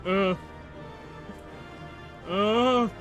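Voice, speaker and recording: A man's voice: sits high, very slow, a bit bright. A man chatting playfully while livestreaming a game with a friend, often poking fun at himself. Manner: playful, self-mocking. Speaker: gamer. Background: game music.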